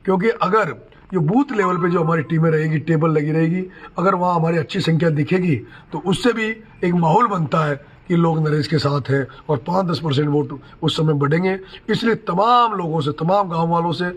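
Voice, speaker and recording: A man's voice: fairly high pitch, moderate pace, husky. A middle-aged man and election candidate making an earnest, courteous appeal to his supporters from inside a village home. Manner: pleading, courteous, rallying.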